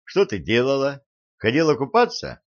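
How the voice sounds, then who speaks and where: Smooth-talking lying young man, read by a man, eager, persuasive, low voice, slow, dry dull audiobook sound. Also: big pitch swings, no echo.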